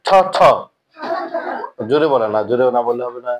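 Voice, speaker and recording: A man from Bangladesh teaching English words to young children in a madrasa classroom, coaxing them to repeat after him and to say it louder. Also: medium pitch, fairly even intonation, racing. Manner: coaxing, repetitive drilling, urging pupils to repeat louder. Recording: noisy classroom with children's chorus. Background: children chanting answers.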